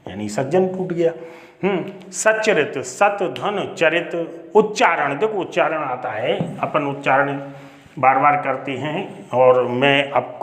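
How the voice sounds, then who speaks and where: Guy teaching grammar, kinda high voice, echoey room, goes step by step. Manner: explains step by step, repeats words, rhetorical questions. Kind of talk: classroom lesson.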